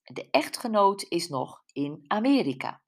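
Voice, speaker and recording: A woman voicing a calm young woman who explains a village matter plainly, read in an audiobook. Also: mid-range voice, a little slow, pitched above the performer's own voice. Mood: explaining.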